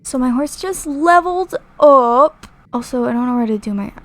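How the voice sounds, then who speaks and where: A woman's voice: high voice, expressive, moderate pace. A young woman chatting casually over gameplay, rambling with many fillers and restarts, reading viewer comments aloud. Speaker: gaming YouTuber.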